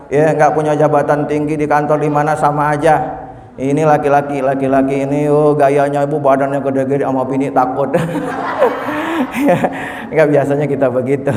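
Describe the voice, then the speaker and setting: A man preaching a sermon in a lively, animated way, acting out quoted voices, with casual style speech. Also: medium pitch, slight background noise. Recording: echoey hall.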